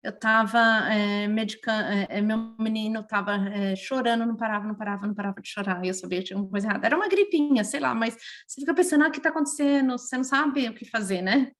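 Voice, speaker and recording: Brazilian woman, podcast guest, slightly high voice, lively and emotional storyteller. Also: fast, few pauses. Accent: Brazilian Portuguese. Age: adult, mother of a young child. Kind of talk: casual interview conversation.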